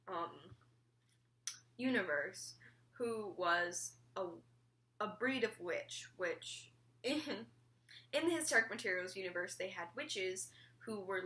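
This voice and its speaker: A teenage girl chats through a casual vlog with a bright, clear tone. She rambles, throws in lots of "like" and "um", and swears offhandedly. Her pitch sits in the middle for a woman. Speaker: vlogger.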